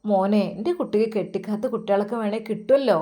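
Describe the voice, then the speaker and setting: A woman tells a story with acted dialogue, voicing a loving, fretful elderly mother in a coaxing, pleading, high sing-song manner. Her natural voice has a dark tone, and she speaks fast.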